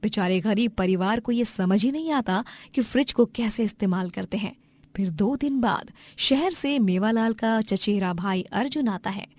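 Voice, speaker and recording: A woman narrating a cartoon storybook. She tells the story in a steady, explanatory way. Her voice is mid-pitched and even. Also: normal speed, no room sound.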